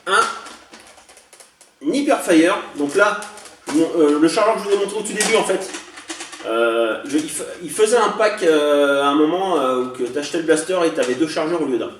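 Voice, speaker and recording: A man with a fairly high voice chats casually and a little hesitantly, stopping often to correct himself. He sounds a bit far from the mic in an echoey room. Faint background noise and clicks from handled toys sit behind him. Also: expressive, normal speed. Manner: chatty, hesitant, many fillers and self-corrections. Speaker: toy collector showing a haul. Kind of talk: casual unboxing vlog.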